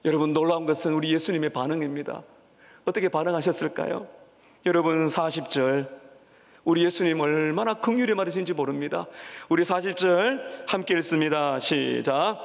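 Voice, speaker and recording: A male pastor preaching a sermon with passion, rising to loud cries as he voices the pleas, recorded in a church sanctuary. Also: on the high side, normal speed, gravelly. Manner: impassioned, rising to cries when voicing pleas. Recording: church hall reverb.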